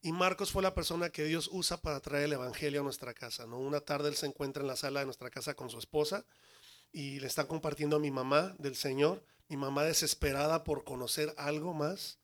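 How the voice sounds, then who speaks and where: A man, a church worship leader, telling his personal conversion testimony in an animated way with humorous asides. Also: on the high side, brisk.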